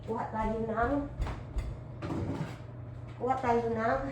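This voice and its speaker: A woman's voice: on the high side, level tone, slow pace, a little hiss or hum. A woman with a Visayan accent chatting casually to her viewers while doing chores at home, filmed on a handheld phone. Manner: chatty, talks to viewers as "day" and "mga inday". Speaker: vlogger. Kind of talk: casual home vlog chat. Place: home kitchen and porch, indoors.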